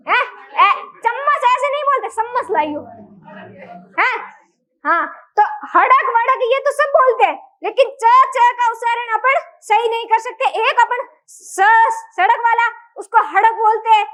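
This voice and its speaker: High-pitched woman teaching a class. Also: fairly bright tone, rough recording. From India. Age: adult. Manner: asks the class frequent questions. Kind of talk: classroom grammar lesson.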